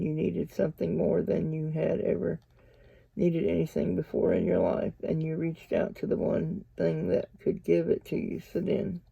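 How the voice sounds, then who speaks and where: Gravelly-voiced man reading a novel. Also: a little high, no echo. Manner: steady, plain reading. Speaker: audiobook reader. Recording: dull lo-fi dry recording.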